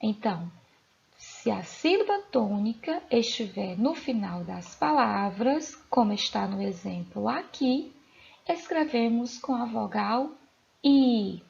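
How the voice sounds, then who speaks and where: A Brazilian woman teacher with a somewhat high, gravelly voice leads a children's lesson at a very slow, deliberate pace. She stresses each rule and quizzes her pupils as she goes. The recording is dull and lo-fi. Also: big pitch swings, darkish tone. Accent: Brazilian Portuguese. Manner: slow, emphatic, repeats rules and asks questions to the pupils.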